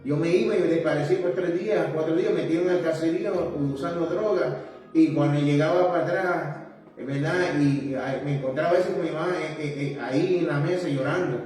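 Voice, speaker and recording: A man, speaking a little high for a man, shares his testimony in a halting, earnest way. The mic sits well away from him in a strongly reverberant room. Soft music plays in the background. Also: distant mic. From Puerto Rico. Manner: halting and earnest, with frequent tag questions. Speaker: evangelist giving his testimony. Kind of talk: personal testimony in an interview.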